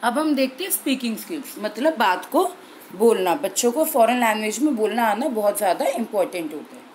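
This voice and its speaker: A young woman with a fairly high voice teaches an exam-prep lesson in a clear, steady way. She slows down to stress each key term. A faint hiss sits under the recording. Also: low-quality recording. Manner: clear, steady explaining with slowed emphasis on key terms. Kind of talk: explanatory lesson in Hindi with English terms.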